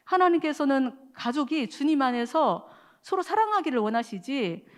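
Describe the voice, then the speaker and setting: A woman's voice: high voice, very animated, normal speed. A woman preaching to a church prayer meeting, telling a story in a conversational way with many small fillers and speaking straight to the congregation. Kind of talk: sermon with storytelling.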